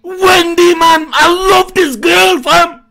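High, gravelly, shouting male streamer. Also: takes it slowly, soft background music. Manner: excitable, shouts often, slangy. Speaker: streamer reacting to an anime. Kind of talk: live reaction stream.

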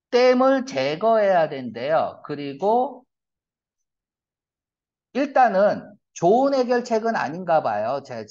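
A male English teacher giving a classroom lecture, his pitch jumping up and down as he explains. He keeps asking rhetorical questions and throws in blunt, slangy asides. The recording sounds dull and lo-fi. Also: darkish tone. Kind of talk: classroom lecture on reading comprehension.

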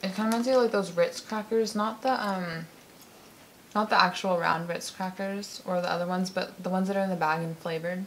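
A woman's voice: fairly low pitch, steady tone, fairly quick, slight background noise, rough recording. A young American woman hosting a casual candy taste-test vlog, chatting with many "like" fillers and easy laughs. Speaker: vlogger.

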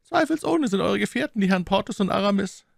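A man's voice: high-pitched, lively intonation, fast, creaky, no room sound, clean studio sound, voice pushed up, full character voice. A man doing an imperious cardinal. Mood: commanding. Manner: imperious, ringing, commanding. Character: commanding, cunning male cardinal, used to giving orders.

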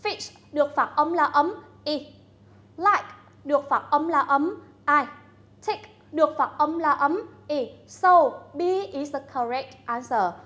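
A woman teacher with a Vietnamese accent leading a bilingual classroom lesson, speaking deliberately and coaxing her students to answer. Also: high voice, a bit bright. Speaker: English teacher.

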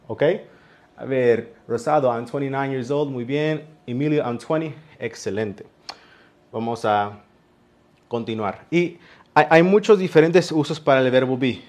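Man, English teacher, unhurried, patient, repeats each example. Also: medium pitch, expressive, darkish tone. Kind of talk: beginner English lesson explained in Spanish.

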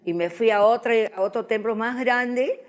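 A middle-aged woman giving her personal testimony in an interview, speaking haltingly with restarts as she recalls her past. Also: on the high side. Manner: halting, restarts, emotional recollection.

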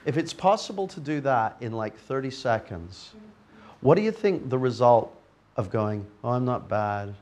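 Speaking at a moderate pace in a mid-range voice, an NLP trainer playfully coaxes a volunteer during a live workshop demonstration, animated with the group in a training room before an audience. There is a little hiss or hum.

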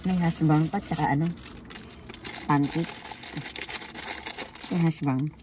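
A woman's voice: low-pitched, steady tone, takes it slowly, background noise. A woman in her fifties chatting casually in a vlog while dancing, counting off facts one by one. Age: 50s. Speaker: vlogger.

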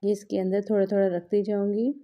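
A woman's voice: medium pitch, little pitch movement, fast talker, dull audio. A woman, patiently explaining a recipe step by step as she works at a home kitchen counter. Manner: patient, explains each step while working with her hands. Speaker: cooking vlog host. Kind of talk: step-by-step cooking instruction.

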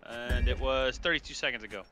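A man's voice: mid-range voice, fairly quick, noisy background. A man chatting casually while playing an online game, joking and laughing often. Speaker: game streamer. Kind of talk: casual gaming chat.

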